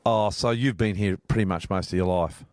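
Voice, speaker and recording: A man's voice: sits low, fairly quick, darkish tone, no room sound. A man from Australia interviewing a guest, chatty and curious, often restarting his questions. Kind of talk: conversational interview.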